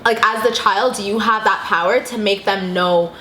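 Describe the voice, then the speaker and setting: A woman's voice: mid-range voice, moderate pace, bright, forceful tone. A young woman in a casual, reflective conversation, speaking tentatively as she searches for her words. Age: young adult. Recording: echoey room with faint background noise.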